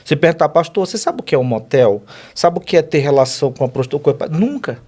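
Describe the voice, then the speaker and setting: A pastor appearing as a guest gives an earnest, emotional personal testimony in a conversational interview, speaking directly to the host. His voice is fairly high, expressive, and darkish in tone, and he talks at a quick pace.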